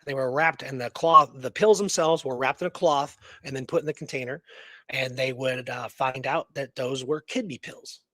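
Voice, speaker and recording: On a conversational history radio show, a male co-host reads out the details of a true story with emphasis, breaking off for casual remarks. His voice is mid-range, bright and forceful, and he speaks at a normal speed. The recording is free of echo.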